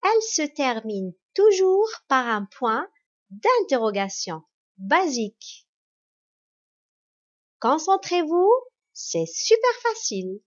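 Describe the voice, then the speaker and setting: A woman teacher giving a grammar lesson to children, speaking in a slow, spelled-out and encouraging way. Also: high-pitched, very animated. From Morocco. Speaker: primary school teacher. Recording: dull lo-fi recording.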